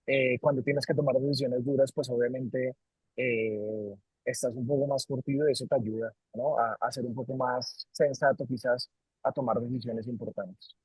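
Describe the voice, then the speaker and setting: A company CEO with a Colombian Spanish accent answers interview questions as a guest, earnest and reflective, repeating words as he searches for them and ending lines with "¿no?". His voice is husky and darkish, medium-pitched and steady at a moderate pace, recorded without echo but in low quality.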